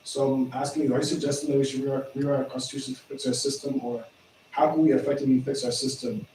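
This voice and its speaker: Mellow-voiced man asking in an echoey hall. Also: mid-range voice, little pitch movement, fast. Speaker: audience member asking a question. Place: large lecture hall. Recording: echoey hall, far mic, faint hum.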